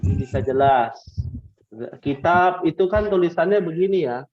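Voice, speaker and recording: A man teaching an online language class to women, patiently drilling questions with drawn-out prompts and repeating the answers back. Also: a little high, lively intonation, muffled recording, soft background music. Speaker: Arabic teacher.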